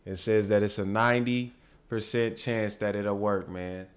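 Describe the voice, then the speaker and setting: Young man, reaction host, fairly low voice, casual slang. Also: steady tone, a little slow. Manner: laid-back slang, frequent "man" and "you feel what I'm saying".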